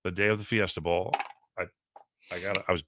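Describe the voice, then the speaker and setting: A man's voice: sits low, fairly even intonation, brisk, noisy background. A man hosting a radio show in casual morning chat.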